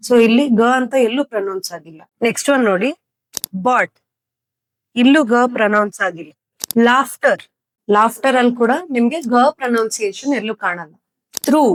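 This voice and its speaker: A young woman teaching spoken English with a Kannada-accented Indian English, explaining slowly and repeating word lists for practice. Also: a little high, poor audio. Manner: slow, deliberate explaining, repeating words for practice.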